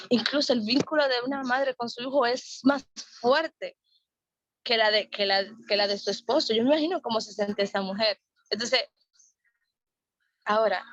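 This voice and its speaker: A woman teaches a Bible study in an earnest voice, often repeating phrases for emphasis. Her voice sits a little high and sounds dry and close. The audio is dull and lo-fi, like an online call. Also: no echo.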